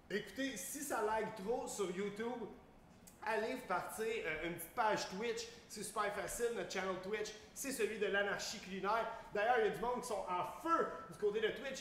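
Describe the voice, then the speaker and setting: High-voiced Quebec French man hosting casually. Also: a bit bright. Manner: informal, slangy, peppered with English exclamations. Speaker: host of a live online cooking show. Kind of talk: casual live-stream hosting with slangy chat. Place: large catering kitchen. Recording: echoey room with faint noise.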